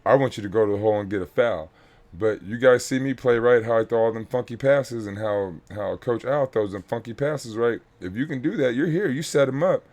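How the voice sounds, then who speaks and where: Speaking fairly quickly in a medium, slightly mellow voice, a man reviews game tape with the young players he coaches. He tells them plainly what went wrong and says the important points again and again.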